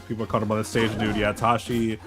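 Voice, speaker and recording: A man's voice: lowish voice, monotone. Casual man co-commentating a fighting game. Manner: casual, reacting with quick exclamations. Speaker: esports co-commentator. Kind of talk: live match commentary. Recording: game music behind the voice. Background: game music.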